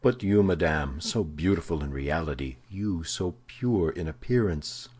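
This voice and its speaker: Man doing a torn puritan officer, earnest, low-pitched. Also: expressive, a little slow, darkish tone, slightly rough, heavily acted.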